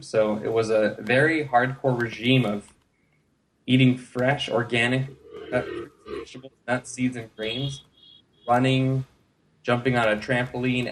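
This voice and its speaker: A man in his thirties from the United States, a guest telling his own story in a casual interview, relaxed, with many fillers. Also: medium pitch.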